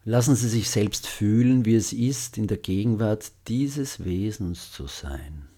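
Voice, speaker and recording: A man guiding a loving-kindness meditation, speaking gently with long pauses and letting his phrases trail off softly. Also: lowish voice, animated. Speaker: meditation guide.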